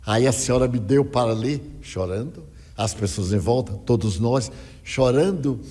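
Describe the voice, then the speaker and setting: Older male speaker, husky, dramatic lecture storytelling in an echoey hall. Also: mid-range voice, normal speed. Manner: dramatic, lively storyteller quoting others. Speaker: spiritist speaker.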